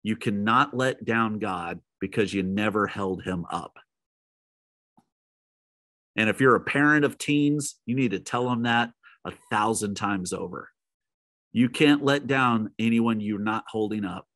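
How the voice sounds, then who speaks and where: A man preaching a midweek sermon as pastor, retelling a story and speaking straight to his listeners, who sometimes drops to a soft low voice for emphasis. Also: measured pace, no room sound.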